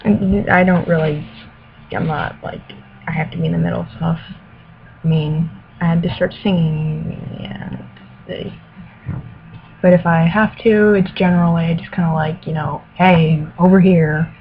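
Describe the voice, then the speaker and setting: A woman's voice: lowish voice, fairly even intonation, moderate pace, vocal fry. A woman speaking casually in a hesitant, think-aloud way, answering questions and reading aloud. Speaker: accent challenge participant. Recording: tinny phone-like audio with background noise. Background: radio playing music in the background.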